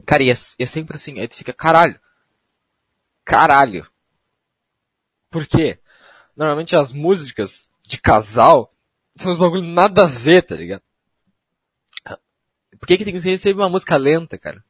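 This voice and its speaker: A man's voice: a little high, animated, normal speed, long pauses, breathy edge, no echo. A young man from Brazil, hosting a solo podcast in a rambling, slangy, self-mocking way. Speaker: podcast host. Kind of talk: casual solo podcast monologue.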